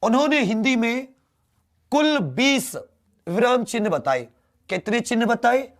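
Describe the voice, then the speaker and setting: A man's voice: very high voice, lively intonation. A man teaching a Hindi grammar lesson, repeating key words and asking them back to the students. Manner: slow, drawn-out delivery.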